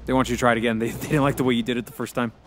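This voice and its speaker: A man's voice: medium pitch, little pitch movement, rapid-fire, a little hiss or hum. A man chatting casually during a let's-play, guiding the player through a video game. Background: video game ambience.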